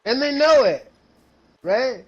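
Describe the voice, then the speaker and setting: High-pitched man in his fifties, blunt and sweary. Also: expressive, slow, slightly rough. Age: 50s. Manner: blunt, emphatic, swears often, slangy. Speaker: storyteller. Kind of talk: casual, profane storytelling and ranting to a friend. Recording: dull lo-fi sound.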